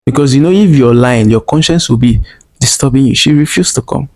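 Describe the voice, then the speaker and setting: A man's voice: mid-range voice, brisk, darkish tone. A man telling a personal story in a vlog, earnest and emotional, repeating phrases and speaking straight to viewers. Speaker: vlogger.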